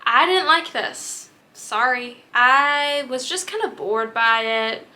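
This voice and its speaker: Bright-voiced young woman book vlogger. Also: on the high side, slow. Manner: chatty, candid, filler-heavy. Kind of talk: casual chat.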